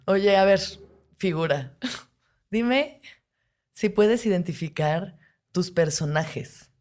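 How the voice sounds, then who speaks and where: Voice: mid-range voice, expressive, slow pace, a little mellow. An interview host, asking teasing, probing questions in a casual chat.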